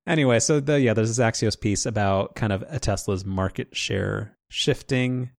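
A man's voice: lowish voice, normal speed, creaky, dry recording. A man co-hosting a podcast, rambling casually with restarts and dry sarcasm. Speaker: podcast co-host.

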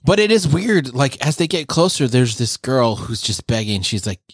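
A man co-hosting a podcast, chatting casually about an anime episode and quickly acting out the characters' lines. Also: mid-range voice, husky. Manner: relaxed, acts out characters' lines in quick impressions. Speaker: podcast co-host.

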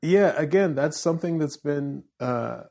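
A Canadian man in his forties with a fairly neutral accent, a musician talking in a relaxed interview, restarting phrases as he thinks. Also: on the high side, a little slow, vocal fry. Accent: fairly neutral Canadian English. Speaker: musician and voiceover artist guest. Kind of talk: casual interview chat.

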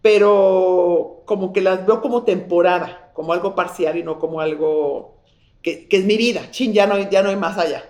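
A woman's voice: on the low side, normal speed, darkish tone, echoey room. A woman with a Mexican accent, a guest chatting effusively and reflectively in an interview, often restarting her sentences. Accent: Mexican Spanish. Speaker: guest, businesswoman and author. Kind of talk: casual interview chat.

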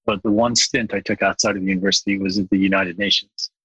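A man's voice: on the low side, little pitch movement, fast, fairly bright tone, slightly rough, no room sound, dull audio. A middle-aged man from Bangladesh, a guest in a podcast interview, speaking earnestly and thoughtfully with frequent restarts.

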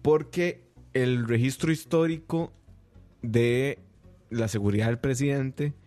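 A man's voice: medium pitch, slow pace, a little mellow, soft background music. Blunt Costa Rican man, casual chat. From Costa Rica. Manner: blunt, emphatic. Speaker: podcast host.

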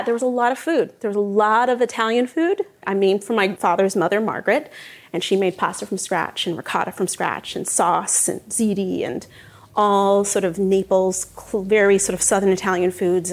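A middle-aged woman from New Jersey, a cookbook author, talking candidly in a casual onstage conversation and laughing often. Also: medium pitch. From northern New Jersey.

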